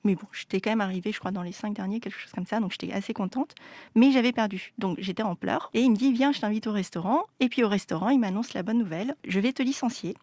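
Une femme née en France, fondatrice de startup, qui raconte son parcours dans une conversation détendue, avec beaucoup d'hésitations et de reprises. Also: female voice, medium pitch, fast talker, mellow, no echo. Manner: hesitant, many fillers and restarts. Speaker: AI startup founder. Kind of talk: casual conversation.

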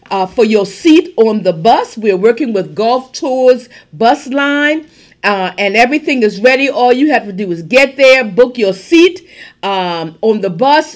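A woman's voice: on the high side, a bit bright. A woman hosting her own podcast who talks in a chatty, enthusiastic way with plenty of fillers. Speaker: podcast host. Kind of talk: podcast talk and interview.

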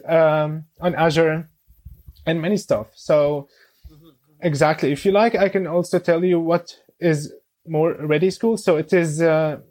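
A man in his twenties from Syria, a guest on a podcast, speaking English with many pauses, fillers and restarts. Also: fairly high pitch, a little mellow. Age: 20s. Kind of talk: casual interview.

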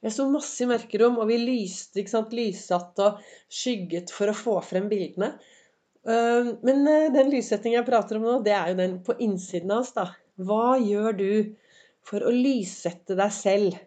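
Chatty woman with a slightly hoarse voice. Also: medium pitch, dark tone. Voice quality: slightly hoarse, clears throat. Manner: chatty and encouraging, with many fillers. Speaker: podcast host. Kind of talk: casual motivational monologue. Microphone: semi-pro recording setup.

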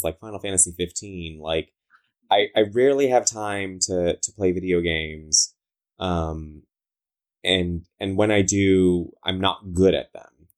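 Low-voiced man with valley girl talk, Southern Californian. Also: darkish tone. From Southern California, United States. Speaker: interviewed comic book writer. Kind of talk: casual interview chat.

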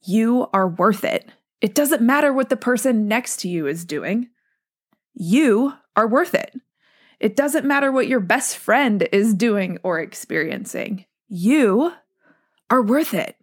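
A woman's voice: on the high side, takes it slowly. Upbeat woman psychologist hosting a podcast. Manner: energetic, encouraging, direct address to listener. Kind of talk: upbeat podcast pep talk.

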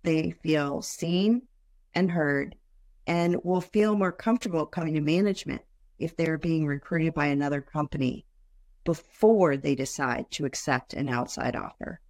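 A woman's voice: sits low, unhurried, a little mellow. A woman hosting a podcast in a scripted presenting style. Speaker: podcast host.

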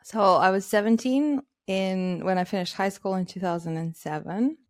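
A woman's voice: medium pitch, normal speed, no echo, studio quality. A woman in her thirties from Romania, chatting as an interview guest with many fillers and frequent laughs. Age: 30s. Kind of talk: casual interview.

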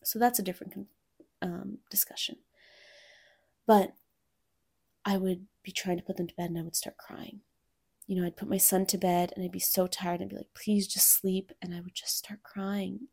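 A woman in her thirties talks candidly on her own podcast. She reflects openly and at a relaxed pace, and at times her voice sinks to a near-whisper before it lifts again. Her pitch sits in the middle for a woman. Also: normal speed, gravelly, long pauses, breathy edge. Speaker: podcast host and coach for mothers. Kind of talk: personal solo podcast talk.

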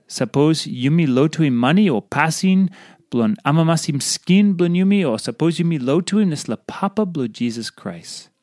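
A man's voice: a little high, a little mellow, no room sound. Papua New Guinean man, dry close sound. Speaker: devotional reader. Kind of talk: scripted devotional reading in Tok Pisin.

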